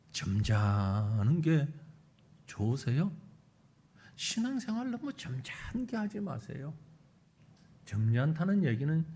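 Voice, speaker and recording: Male pastor, sermon, emphatic, high voice, husky tone. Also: dark tone. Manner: emphatic, talks to the congregation with rhetorical questions. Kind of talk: sermon at a Friday prayer meeting.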